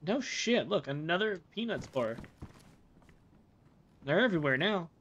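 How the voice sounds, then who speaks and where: A man's voice: high-pitched, very animated, a little slow, a bit bright, slight background noise. A man chatting casually while playing a co-op game, joking and swearing with his partner. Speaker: gamer.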